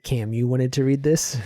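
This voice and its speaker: A man co-hosting a podcast in casual chat, earnest and quick to chuckle, often restarting his sentences. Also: medium pitch, warm tone, no room sound, studio quality. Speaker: podcast co-host.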